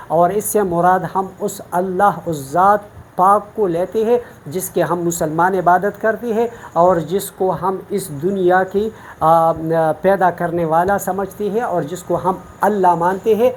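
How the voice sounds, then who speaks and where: A woman from Pakistan gives an online lesson on Quran recitation, with a middle-pitched voice. She explains each rule patiently, one step at a time, and slows down to demonstrate the examples she recites. A faint hiss sits behind her voice. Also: darkish tone.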